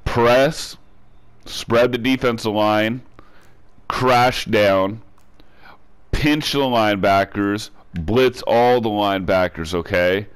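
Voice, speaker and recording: Congested from a cold, a gaming tutorial creator walks through a video game defense step by step in a casual voice-over, often repeating himself and starting over. His voice is lowish, slow and smooth.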